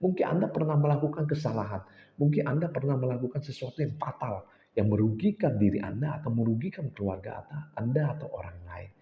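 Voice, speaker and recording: A man with a gravelly, fry-edged voice gives an emphatic motivational talk, asking rhetorical questions and repeating key phrases. His voice rings through a large hall with a long reverb tail. The sound is dull and lo-fi. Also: medium pitch, expressive, quick pace. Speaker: motivational coach.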